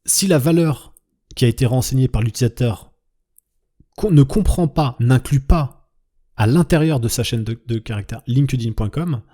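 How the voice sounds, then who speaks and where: Speaking at a moderate pace with a dark tone and medium pitch, a coding instructor explains his screen tutorial step by step. He keeps asking the viewer "d'accord?" and his thoughts trail off as he types.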